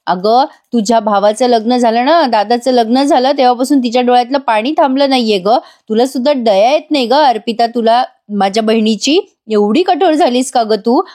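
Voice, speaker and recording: Woman doing an aggrieved middle-aged man, complaining, resentful, fairly high voice. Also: brisk, hardly any pauses, a little mellow, lightly acted.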